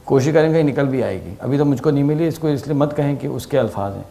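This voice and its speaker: A middle-aged male teacher giving a conversational lecture, telling lively stories and asking his listeners questions, with English phrases mixed in. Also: medium pitch, vocal fry. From Pakistan. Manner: animated storytelling with rhetorical questions and English phrases.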